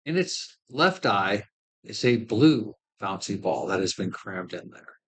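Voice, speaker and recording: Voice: deep voice, sing-song, a little slow, slightly rough. Tabletop game master narrating a scene. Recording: livestream group game session.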